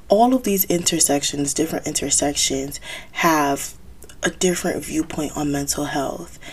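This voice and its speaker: A woman's voice: sits low, darkish tone. A woman in her twenties hosting a solo podcast, talking candidly and conversationally as she thinks aloud. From United States, Haitian American. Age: 20s. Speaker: podcast host.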